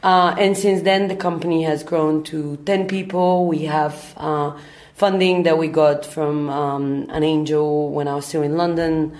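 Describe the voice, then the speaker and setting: Low-voiced woman founder from Bulgaria. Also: steady tone, measured pace, darkish tone. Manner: thoughtful, frequent ums and uhs. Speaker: startup founder, guest. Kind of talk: interview answers.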